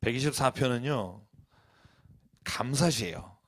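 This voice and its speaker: A man preaching a sermon as a pastor in a church, blunt and colloquial, rising to loud emphatic peaks and dropping to soft low asides. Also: animated, unhurried.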